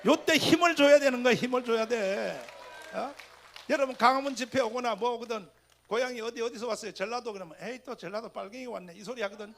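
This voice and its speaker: A man giving a fiery rally speech, firing rhetorical questions at the crowd, with sudden loud bursts and religious exclamations. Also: very high voice, fairly quick. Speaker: speaker addressing a political rally.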